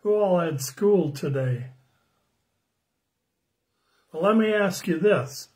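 Slow, gentle older man preacher. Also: high-pitched, animated. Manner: slow, gentle and friendly, greeting viewers by name and asking questions. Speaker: pastor giving a children's sermon. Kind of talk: children's sermon on a livestream. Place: small room indoors at home. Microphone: phone camera close up.

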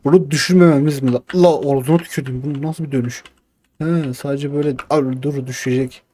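Young man, gaming YouTuber, mellow tone, mid pitch, let's-play chatter, faint hiss. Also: fairly even intonation, brisk. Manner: talks to himself and the game, coaxing and cursing. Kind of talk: casual let's-play commentary.

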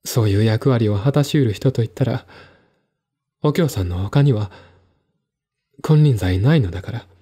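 In a radio drama, a man performs a melancholy gentleman, his mid-pitched voice dark and somewhat rough-edged. He confides earnestly and pleads as if troubled, at a moderate pace with long pauses, sounding close to everyday speech.

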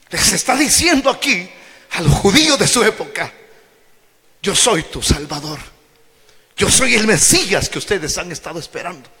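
A man preaching a sermon to his church, emphatic, swinging from shouted lines to low drawn-out words. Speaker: pastor. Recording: long hall reverb.

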